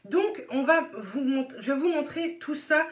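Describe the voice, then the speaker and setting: A fairly high-voiced woman reviews makeup palettes and lipsticks in a casual, chatty way. She often stops on "euh" and stacks up repeated words. Her voice rings in an echoey room. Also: animated, measured pace. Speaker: beauty vlogger.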